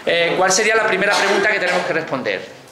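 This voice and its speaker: A man teaches a phonology class with an Andalusian Spanish accent, talking fast in a high voice with lively intonation. He keeps explaining and keeps asking if students understand, and the room is echoey with faint noise.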